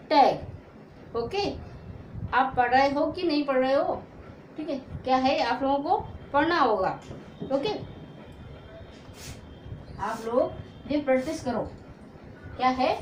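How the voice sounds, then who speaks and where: A woman's voice: high-pitched, roomy sound, a little hiss or hum, low-quality recording. A woman teaching English phonics in Hindi, who asks her own questions, answers them, and sounds out letters one by one. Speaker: English teacher, channel host. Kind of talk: Hindi phonics lesson at a whiteboard.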